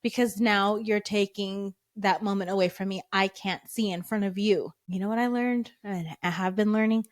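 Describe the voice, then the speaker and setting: Female co-host, mid-pitched, dry studio sound, wry and conversational. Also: fairly even intonation, moderate pace, few pauses, no room sound. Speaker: podcast co-host. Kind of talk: casual chat.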